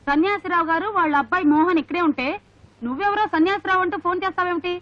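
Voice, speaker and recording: An actress playing a sharp-tongued woman in a comic film, scolding. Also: very high-pitched, quick pace, dry recording. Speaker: woman of the household. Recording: dry, muffled film audio.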